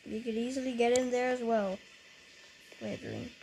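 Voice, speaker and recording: A young female gamer chatting excitably and getting easily startled while playing a game with friends. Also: a little high, moderate pace, vocal fry. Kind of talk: casual gameplay commentary. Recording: noisy home recording.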